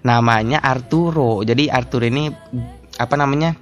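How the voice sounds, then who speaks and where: A young man hosts his own podcast alone, rambling through thoughts in a mid-pitched voice. He cuts himself off mid-word and laughs often, and faint music sits quietly under his talk. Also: normal speed. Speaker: podcast host. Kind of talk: casual solo podcast chat.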